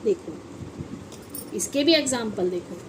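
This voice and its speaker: A high-voiced woman runs a phonics lesson, taking her time as she spells each word out letter by letter. She keeps asking the children what a word says, then answers herself. A faint hiss of background noise sits under her voice. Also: lively intonation, a little slow. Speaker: English phonics teacher. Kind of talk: classroom-style phonics lesson.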